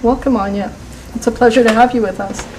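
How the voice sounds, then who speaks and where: A woman's voice: on the high side, fairly even intonation, a little fast, darkish tone, a little hiss or hum, poor audio. A woman hosting an interview, asking friendly prompting questions. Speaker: interview host. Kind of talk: casual interview.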